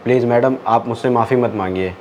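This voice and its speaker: A man's voice: medium pitch, fast talker, darkish tone, a little hiss or hum, lightly acted. Guy doing a humble driver begging, polite, kinda muffled sound. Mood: pleading. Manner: polite, pleading. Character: humble, pleading young male driver. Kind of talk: amateur web drama acting.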